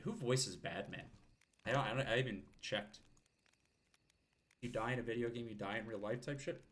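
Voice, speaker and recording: A man's voice: mid-range voice, moderate pace, a bit bright. A man with a scratchy throat casually commenting, swearing and joking, while live-streaming a video game. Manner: casual, profane, jokey.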